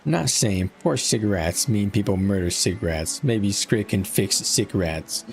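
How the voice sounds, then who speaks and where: A man's voice: lowish voice, measured pace, vocal fry. A man voicing a simple, sorrowful and resentful rat-like outcast from a fantasy game, speaking in clipped broken grammar. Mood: sad, plaintive. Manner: clipped broken grammar, refers to himself by name. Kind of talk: reading a game journal in character.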